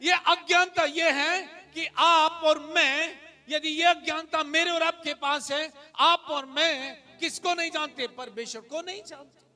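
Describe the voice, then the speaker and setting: A man preaching a sermon as pastor, mixing in English phrases, building to shouted emphasis and calling out hallelujah. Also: extremely high pitch, steady tone, unhurried.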